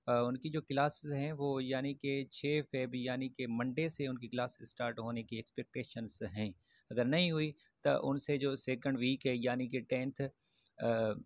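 A man's voice: mid-range voice, no room sound. Man giving casual student updates. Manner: explanatory, many fillers and restarts. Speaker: education YouTuber. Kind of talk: informal update talk to camera.

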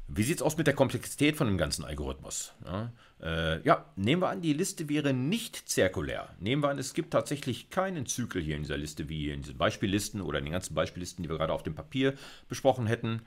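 Speaking in a sing-song, fairly quick manner, a middle-aged university lecturer in computer science covers material informally in his low voice. He muses aloud, raising questions to himself before answering them.

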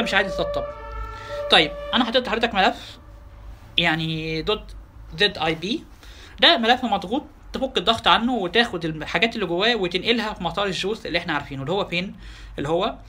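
A little hiss or hum sits under this clip of a software instructor giving a tutorial lecture. He has an Egyptian Arabic accent and a high, bright, forceful voice for a man. Quick and chatty, he keeps turning to his listeners with rhetorical questions.

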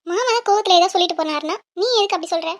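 Woman doing a bossy cartoon mom, super high squeaky voice, scolding and sure of herself. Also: racing. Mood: questioning. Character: bold scheming mother, fierce and protective. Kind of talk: cartoon voice acting.

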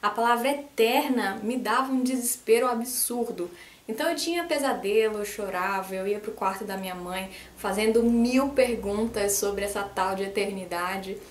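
A lively woman in her twenties from Brazil with a faint Bahian accent, talking casually to camera as a science YouTuber and gesturing a lot. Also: medium pitch, moderate pace, reverberant, slight background noise. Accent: light Brazilian Portuguese, faint Bahian. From Salvador, Bahia, Brazil. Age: 20s. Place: small room indoors, posters on the wall.

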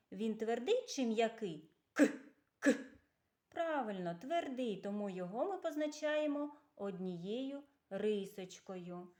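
A woman teaching a preschool lesson on letter sounds, speaking slowly and clearly to children. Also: mid-range voice, mellow. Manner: slow, clear, patient, addressing children. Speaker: kindergarten teacher.

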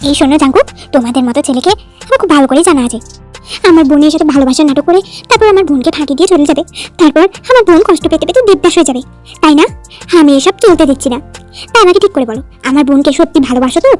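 A woman's voice: high voice, rapid-fire, darkish tone, soft background music, close to an everyday voice. A woman voicing a bossy, protective older sister who teases and lectures in a storybook tale. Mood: stern.

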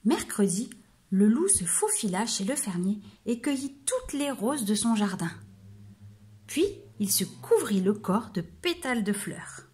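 A woman telling a storybook to young children, reading in a gentle, slow voice. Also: mid-range voice, very animated.

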